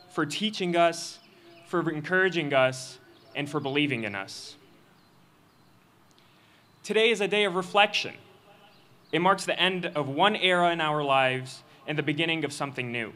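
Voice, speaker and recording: A young man giving a student speech at a graduation ceremony, reading a prepared text into a podium microphone in an earnest, measured way. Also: fairly high pitch, sharp tone. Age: young adult. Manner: earnest, measured delivery with occasional slips. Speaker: student commencement speaker. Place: outdoor stage of a graduation ceremony.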